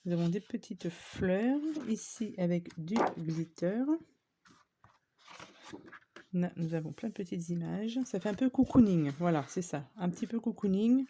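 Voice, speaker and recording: Woman, casual haul vlog, mellow tone, chatty with fillers, faint background noise. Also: on the low side, unhurried. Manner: chatty, many fillers, addresses viewers. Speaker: scrapbooking vlogger. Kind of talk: casual shopping haul show-and-tell.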